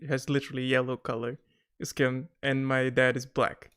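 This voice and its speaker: A man's voice: mid-range voice, moderate pace, smooth. Guy chatting on a podcast, gets worked up, laughs a lot, stumbles and restarts. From Germany. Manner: animated, laughs often, frequent restarts. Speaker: podcast guest. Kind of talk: casual chat.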